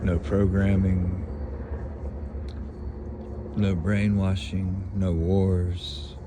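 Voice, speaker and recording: A man giving an earnest spiritual monologue to his followers, pausing often and clearing his throat between phrases. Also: sits low, monotone, background noise. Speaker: spiritual channeler.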